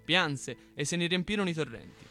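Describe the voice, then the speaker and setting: A man hosting a radio show, reading a folk tale aloud in an expressive storytelling manner. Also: a little high, fairly quick, soft background music. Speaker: radio host. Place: radio studio.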